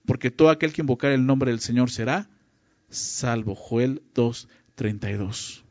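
A man's voice: mid-range voice, measured pace, darkish tone, dry recording, lo-fi sound. A man giving a Bible teaching as a pastor, reading verses aloud and often checking in with the listener through rhetorical questions. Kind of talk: sermon teaching.

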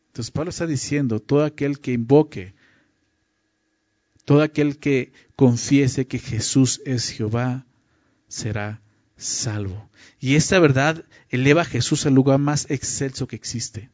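A man's voice: medium pitch, a little mellow, no room sound, dull audio. A man giving a Bible teaching as a pastor, reading verses aloud and often checking in with the listener through rhetorical questions. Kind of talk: sermon teaching.

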